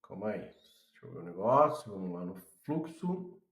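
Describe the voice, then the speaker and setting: A man's voice: deep voice, big pitch swings, moderate pace, a bit bright. Chatty Brazilian man in a roomy echo. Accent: Brazilian Portuguese. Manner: chatty, addresses viewers as a group, thinks aloud. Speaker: tutorial presenter. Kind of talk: casual screen-recorded software demo.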